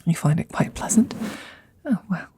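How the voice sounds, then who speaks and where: A woman whispers breathily as a courteous, eccentric dragon lady in an ASMR fantasy roleplay, coaxing in halting, formal phrases. Her voice sounds natural over a noisy background, and the mood is proud and wondering.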